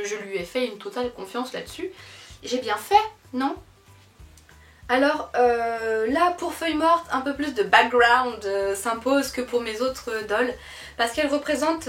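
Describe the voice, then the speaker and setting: A young woman chatting casually on her vlog about her doll collection, lively, with many fillers and self-corrections. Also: on the high side. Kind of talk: casual chat. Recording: echoey room.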